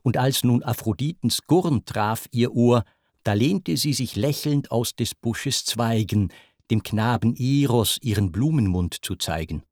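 A man reciting rhymed verse in a measured, rhythmic way. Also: medium pitch, expressive, darkish tone, no echo, studio quality. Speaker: reader.

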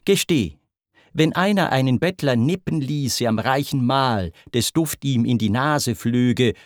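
A man's voice: a little high, lively intonation, slow, darkish tone, no echo, studio quality, voice pushed up. A man voicing a lovesick young male god from myth, groaning and lamenting. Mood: desperate. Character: boy god Eros, lovesick and desperate.

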